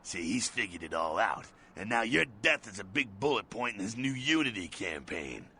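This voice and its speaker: A man voicing a gruff, streetwise male vampire helper in a video game, talking in an urgent, blunt and sardonic way. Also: lowish voice, big pitch swings, normal speed, bright, forceful tone, slight background noise, heavily acted.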